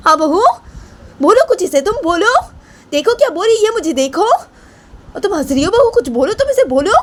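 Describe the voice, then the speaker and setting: Woman doing a shrill scolding old grandmother. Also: big pitch swings, normal speed. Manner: accusing, repeats questions.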